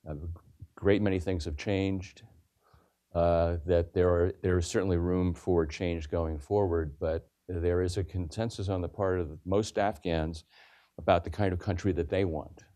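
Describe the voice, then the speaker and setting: A man speaking as a panelist in a deliberate, even-toned way. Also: low voice. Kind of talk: panel discussion answer.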